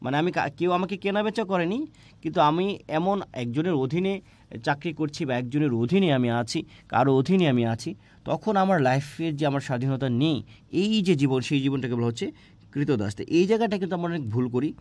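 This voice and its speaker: A man's voice: fairly high pitch, animated, a little mellow. A man teaching an exam-prep grammar lesson, asking questions and answering them himself, with frequent hesitant fillers. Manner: explains slowly, with frequent "ah" fillers and restarts.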